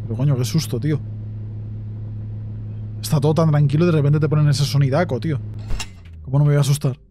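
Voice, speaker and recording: A man's voice: a little high, fairly even intonation, fast, dark tone, slight background noise. A man with a Spain Spanish accent giving let's play commentary on a horror game, jumpy, swearing often and talking to himself. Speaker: gaming YouTuber.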